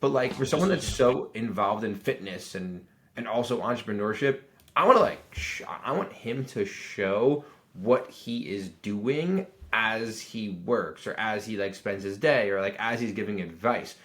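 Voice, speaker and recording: A man's voice: on the low side, lively intonation, unhurried, fairly bright tone. A man giving a casual critique of a video, talking loosely with lots of "like" fillers and restarts. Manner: rambling, heavy on filler "like" and restarts. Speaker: YouTube strategy reviewer.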